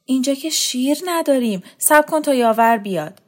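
Woman narrator doing a fussy old lady, sharp tongue, lines pitched up a bit. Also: expressive. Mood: alarmed.

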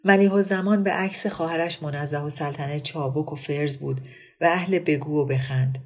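Low-voiced woman narrating a story. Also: fairly even intonation. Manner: measured, literary reading. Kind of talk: scripted narration.

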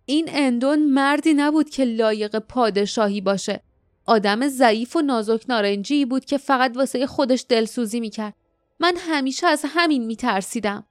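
A woman's voice: fairly high pitch, dry recording, clean studio sound, natural voice. A woman voicing a fierce, blunt young girl who speaks harshly and with scorn in an audiobook. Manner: harsh, scornful, quick-tempered. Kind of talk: audiobook character voice.

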